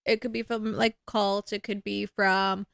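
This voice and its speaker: A woman's voice: medium pitch, little pitch movement, measured pace, gravelly, fairly bright tone, smooth, dry recording. Rambling woman podcaster, dry close sound. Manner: rambling, filler-heavy, self-deprecating. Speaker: podcast co-host. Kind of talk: casual chat.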